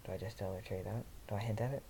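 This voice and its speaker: A young man reading a story aloud in a monotone, breaking off into rambling, self-interrupting casual asides. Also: fairly low pitch, very fast, vocal fry, slight background noise, low-quality recording. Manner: monotone delivery. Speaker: host reading fan fiction aloud.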